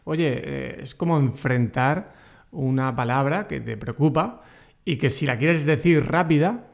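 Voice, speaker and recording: A man's voice: mid-range voice, unhurried, creaky. A man hosting a podcast interview, asking questions in a conversational, hesitant way with a ready laugh. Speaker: podcast host.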